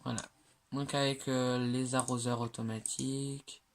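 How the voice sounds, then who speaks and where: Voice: mid-range voice, little pitch movement, measured pace, slight background noise. A speaker casually narrating a walkthrough of their own game builds, hesitant, with many fillers and self-corrections, joking about their own slips. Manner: chatty, jokes at own slips. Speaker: game creator showing builds.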